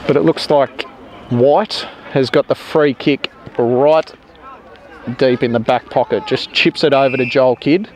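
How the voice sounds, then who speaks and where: A man giving steady play-by-play commentary at a local football match, outdoors, naming players with some hesitant fillers. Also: medium pitch, unhurried. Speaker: sports commentator.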